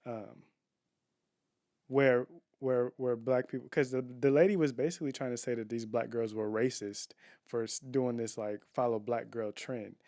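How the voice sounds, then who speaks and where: A man's voice: medium pitch, darkish tone, dry recording, studio quality. A man co-hosting a casual couples podcast from home, talking in an opinionated, emphatic way. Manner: opinionated, emphatic, restarts and fillers. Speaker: podcast co-host. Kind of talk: casual chat.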